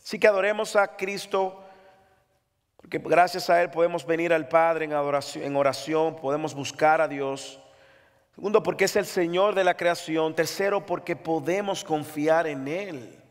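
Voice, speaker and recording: A man's voice: on the high side, moderate pace, long reverb tail. A man preaching an impassioned sermon as pastor, reading scripture aloud. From Latin America.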